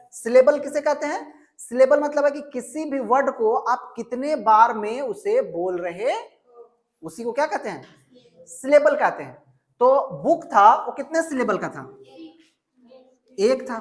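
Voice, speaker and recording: A woman teaching an English grammar lesson, asking questions and answering them herself, and stretching out example words. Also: fairly high pitch. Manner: drills with repeated questions and answers.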